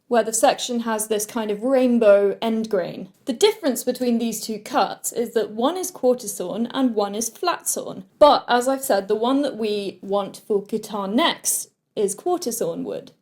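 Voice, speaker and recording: A woman's voice: a little high, a little mellow. A British woman, a guitar maker, explaining wood in a chatty, lightly joking lesson.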